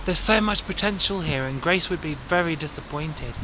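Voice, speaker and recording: Guy doing a bus travel vlog, talky and heartfelt, pretty high voice, loud engine rumble behind. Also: normal speed. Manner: chatty, warm-hearted and reflective. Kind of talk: casual travel vlog narration. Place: on buses and around town streets. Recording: loud vehicle and street noise.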